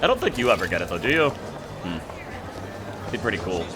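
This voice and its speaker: A man's voice: lowish voice, sing-song, moderate pace, music in the background. Chatty man commenting on gameplay. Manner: chatty, musing aloud, laughing asides. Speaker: gameplay host.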